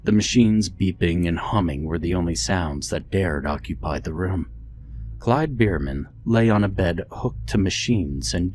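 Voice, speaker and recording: A man reading a scripted horror story in a steady, measured storytelling voice. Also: sits low. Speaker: narrator. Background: faint background music.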